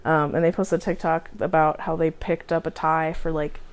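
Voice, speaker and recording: A woman's voice: low-pitched, level tone, normal speed. An American woman chatting casually as a podcast host, telling stories with quoted asides. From United States. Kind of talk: casual chat.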